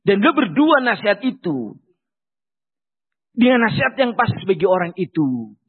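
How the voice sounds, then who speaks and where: A man preaching a sermon, swinging between loud emphatic lines and quiet asides. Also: high-pitched, sing-song, moderate pace, slightly rough. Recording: tinny phone-like sound.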